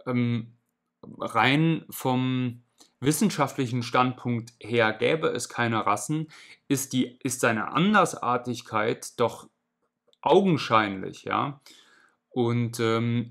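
A man in his thirties at home indoors, giving a measured, explanatory reaction commentary on a video. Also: medium pitch, vocal fry, fairly bright tone.

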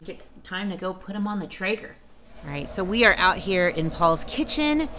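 A woman's voice: medium pitch, sing-song, normal speed, pushed and bright, slight background noise. A middle-aged woman chatting through a home cooking vlog, narrating each step and asking questions as she goes. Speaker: vlogger. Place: home kitchen and backyard patio. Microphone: handheld phone camera.

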